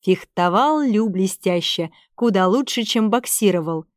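Female narrator, expressive storyteller, dry close recording. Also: mid-range voice, measured pace, no echo. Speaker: audiobook narrator. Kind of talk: scripted narration.

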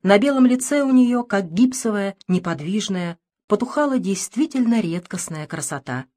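A woman narrates a literary audiobook with expressive, tense delivery. Her voice sits in a middle pitch. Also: normal speed. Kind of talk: dramatic literary reading.

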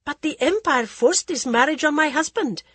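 A woman's voice: high-pitched, lively intonation, normal speed, fairly bright tone, dry recording, voice pushed up. A woman voicing a timid, sheltered young princess bride who speaks hesitantly and fearfully.

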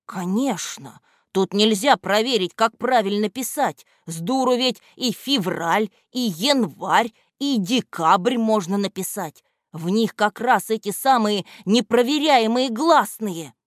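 A woman voicing a clever, know-it-all schoolboy in a storybook reading, calmly explaining. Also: medium pitch, slow pace, no echo, clean studio sound, voice pushed up. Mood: thoughtful. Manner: calm, explaining.

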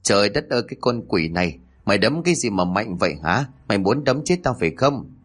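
A man voicing a nagging, sharp-tongued old mother-in-law who scolds and wails melodramatically. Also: fairly low pitch, big pitch swings, fast talker, husky, full character voice. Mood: abusive.

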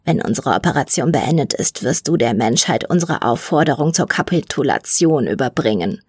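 A rattling, wheezy male mutant drawls low and slow, hissing his mocking threats as a woman reading a storybook puts him on. The voice sits deep below her own, dropping almost to a whisper. The room around it is dry and close. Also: expressive, slightly rough, no room sound, heavily acted. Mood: solemn. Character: hunched rasping male mutant, menacing and mocking.

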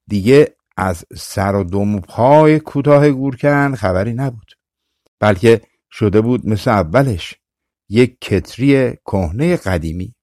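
A man reads a folk tale aloud in a calm, measured voice at a middle pitch. The recording is close and dry, with no room sound. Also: no echo. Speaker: audiobook narrator. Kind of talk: scripted narration.

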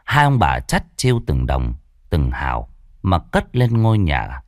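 A man narrating a ghost story in a measured, brooding way. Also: very deep voice, wildly swooping pitch, dry recording, clean studio sound.

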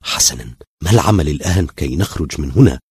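A man's voice: rumbling low, lively intonation, fast talker, darkish tone, husky, dry recording, full character voice. A man voicing a bewildered, short-tempered young man in an audio story, firing off tense questions. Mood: puzzled.

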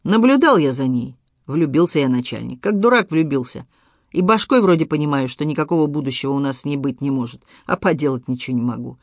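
A man reading an audiobook, voicing a calm, mocking male ex-convict who drawls in criminal slang. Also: a little high, fairly quick, dry recording, clean studio sound. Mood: sly.

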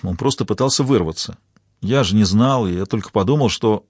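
A man voicing a worried husband who speaks in a quiet, weary, halting way in an audiobook. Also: fairly low pitch, no room sound, studio quality, natural voice. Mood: defensive.

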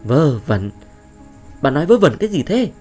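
A man voicing a gruff middle-aged father who brushes off his wife's fears curtly. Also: mid-range voice, very animated, moderate pace, darkish tone, faint music behind. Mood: scoffing. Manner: brusque, scolding.

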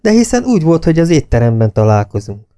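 A man voicing a young woman in an audiobook, raising his pitch for her lines. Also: sing-song, mellow, smooth, dry recording, clean studio sound. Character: young woman, anxious but cooperative.

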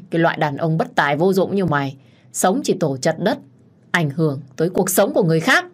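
A woman voicing a crazed, jealous young man who holds a knife and threatens and taunts in a menacing, shouting way. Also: on the low side, measured pace, breathy edge. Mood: raging.

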